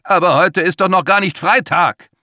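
A weary young doctoral student, tired and easily rattled, pleading in a slightly raised voice, as a male storyteller plays him. The reading is unhurried, lively in pitch and recorded close and dry. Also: dry recording. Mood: panicked.

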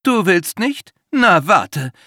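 A shrill, pushy young man who won't let a greeting drop, his voice leaping high and loud with theatrical outrage, as a male narrator puts him on. The delivery swoops widely and sounds close and dry, like a storybook reading. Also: sing-song, takes it slowly, no echo, full character voice. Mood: insistent. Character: pushy, insistent male student Winston.

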